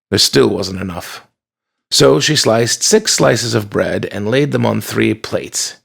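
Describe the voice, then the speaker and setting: A man reading an audiobook chapter in a calm, measured storybook narration. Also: on the low side, gravelly, slightly rough.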